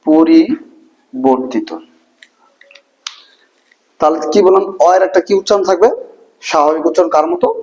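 A man teaching a grammar lesson to a class, asking many quick questions in a casual, colloquial way. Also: high-pitched, fairly even intonation, a little mellow, low-quality recording.

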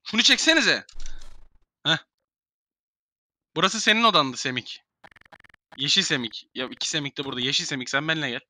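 A man's voice: fairly high pitch, animated, brisk, pauses often, pushed and bright. A young man in casual game voice chat, bossily herding players into rooms and swearing. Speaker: gamer streamer.

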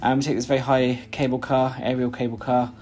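This mid-range, slightly mellow voice shows little pitch movement and runs a little fast, with faint music behind. The speaker, a man from Britain in his thirties, uses British English for casual vlog chat and voice-over narration in a small plain room indoors. He's chatty and rambling, full of "uh"s and restarts.

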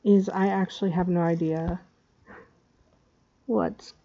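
A woman giving a casual software tutorial in a hesitant, scatterbrained way, her speech slightly slurred by a dental retainer. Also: fairly low pitch, steady tone, slow pace, creaky, dull audio. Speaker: tutorial maker.

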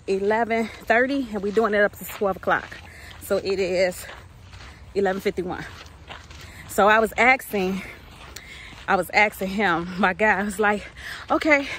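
A woman records a casual motivational vlog while out on a walk, breathless but upbeat and encouraging, often saying "y'all" and asking "right?" A companion holds the phone camera. Her mid-range voice has a fairly bright tone, with a little hiss or hum in the audio.

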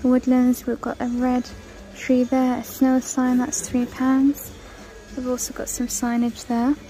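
A woman's voice: high voice, completely flat delivery, measured pace, warm tone, faint music behind, poor audio. A woman casually walking through a large store, chatting and listing prices as she films on her phone. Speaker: shopping vlogger. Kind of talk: casual shop-with-me walkthrough. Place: large indoor retail store. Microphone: handheld phone camera.

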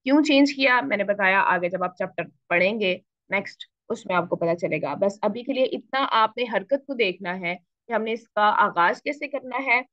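A woman teaching Quran recitation rules to beginners. She asks questions and answers them herself, mixes in English words, and stretches syllables out slowly when she shows a reading. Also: medium pitch, animated, no room sound, lo-fi sound. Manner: slow, drawn-out syllables when showing a reading. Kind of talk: explaining rules to beginner students.

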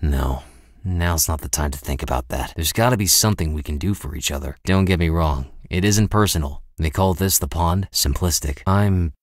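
For a video game, a man performs a cool, world-weary American mercenary, speaking in short, understated, deadpan remarks that sound cynical and unimpressed. The very low, natural voice is recorded dry and close with no echo or room sound, at a moderate pace.

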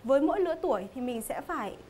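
A woman's voice: high voice, animated, rapid-fire, darkish tone, a little hiss or hum. A young woman bantering in a forthright way as a game show contestant. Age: young adult. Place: TV studio stage. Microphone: lapel mic.

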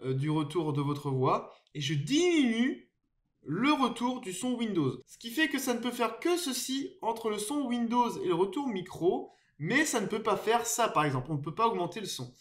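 A man's voice: high-pitched, sing-song, normal speed. A man giving a casual, explanatory microphone tutorial, hesitant and full of fillers, recorded on a USB desk microphone at home. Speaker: tech YouTuber reviewing a microphone. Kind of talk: casual screen-share tutorial. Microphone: USB desk microphone under test.

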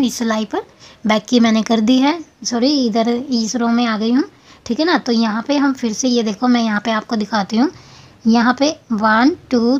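A woman's voice: fairly high pitch, a little mellow, highs cut off. A woman hosting a crochet tutorial, explaining each step patiently and counting stitches aloud.

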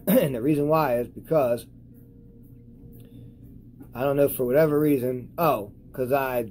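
A high young man rambling profanely and losing his train of thought in a casual vlog. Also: fairly even intonation, a little slow, darkish tone, faint music behind, rough recording. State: high on cannabis. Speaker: cannabis vlogger. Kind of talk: casual stoned rambling to camera.

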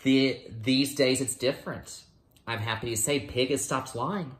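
Here a thirties-aged American teacher reads a picture book to first graders, dropping in relaxed asides. He keeps a steady tone and measured pace at medium pitch; the audio, from a phone or laptop at arm's length in a small home room, carries a little hiss or hum.

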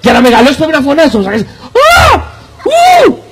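A man performing a magic show for children at an outdoor carnival, with animated, teasing patter and calls to the crowd. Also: very high voice, very noisy. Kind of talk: playful live show patter.

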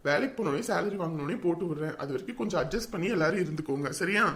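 Reassuring young soldier son, played by an actor. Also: male voice, a little high, lively intonation, rapid-fire. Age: young adult. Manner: gentle, reassuring. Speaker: son leaving for the army. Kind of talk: family drama acting.

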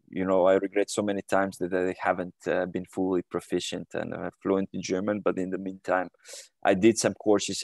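A Croatian man in his thirties, a guest, answers interview questions over a video call from a room at home. He sounds hesitant, full of fillers and restarts, and his voice sits low and creaky with no room sound.

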